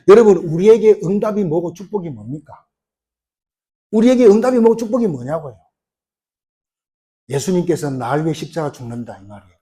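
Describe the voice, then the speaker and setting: A man's voice: a little high, warm tone. A middle-aged man preaching a sermon as pastor, emphatic, often putting rhetorical questions to the congregation.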